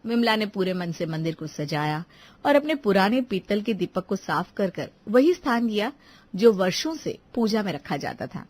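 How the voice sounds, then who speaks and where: A woman narrating a cartoon family story in an expressive storytelling manner. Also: medium pitch, normal speed, dry recording.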